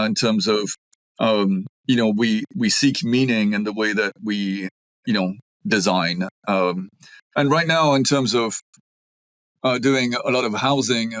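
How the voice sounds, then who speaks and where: A middle-aged Belgian architect whose first language is French is a guest in a conversational interview. He comes across as thoughtful, with many ums and restarts. His voice is on the low side and a bit bright, with no echo.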